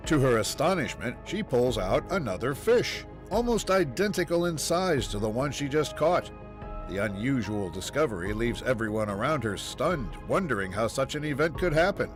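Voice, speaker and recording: A man's voice: mid-range voice, very animated, normal speed. A man reading dramatic scripted narration in the style of a nature documentary, as the narrator. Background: background music.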